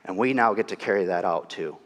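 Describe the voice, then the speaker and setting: Deep-voiced and quick-paced, a middle-aged male pastor preaches in a church sanctuary, sounding nasal from a cold. He keeps it casual with storytelling and self-deprecating humor, his voice ringing in the long reverb of the church hall.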